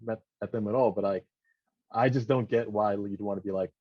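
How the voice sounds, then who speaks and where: A man in casual podcast chat, talking in an animated, rambling way with many restarts. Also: on the low side, fairly quick, no room sound. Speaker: podcast co-host. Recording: dull lo-fi dry sound.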